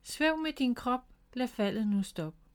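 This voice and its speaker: A woman reading aloud and voicing a young male animal who casts spells with a magic wand, brisk and helpful. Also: fairly high pitch, expressive, voice pushed up, close to an everyday voice. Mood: spellcasting.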